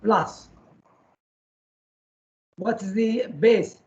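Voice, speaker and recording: Slow-speaking male lecturer quizzing his class. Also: high voice, fairly even intonation, a little mellow, dull audio. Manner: quizzes students with short questions and repeats key terms. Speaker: chemistry lecturer.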